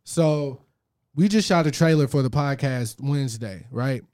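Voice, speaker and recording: A man's voice: mid-range voice, measured pace, darkish tone. A man co-hosting a podcast, talking in a laid-back, reflective way. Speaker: podcast co-host. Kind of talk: casual podcast chat.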